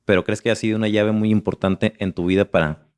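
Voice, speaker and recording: A man hosting a podcast interview, mostly listening and asking gentle follow-up questions. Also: lowish voice, fairly even intonation, quick pace, smooth. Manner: short backchannels, gentle probing questions. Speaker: podcast host, life coach. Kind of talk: casual interview.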